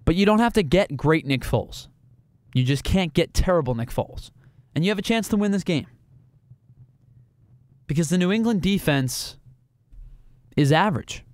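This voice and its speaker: A man with a fairly high voice hosts a sports podcast alone, building his analysis emphatically with lively intonation at a moderate pace. He drives his points home through rhetorical questions and repetition, sometimes pausing at length. The sound is close and dry, with no room sound at all.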